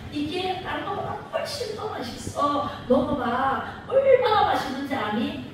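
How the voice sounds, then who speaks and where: Preacher lady doing a sly sweet-talking serpent devil, hushed and wheedling, echoey church sound. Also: high voice, very animated, unhurried, noisy background. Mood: coaxing. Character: sly coaxing serpent devil tempting Eve. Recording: echoey church hall, distant mic.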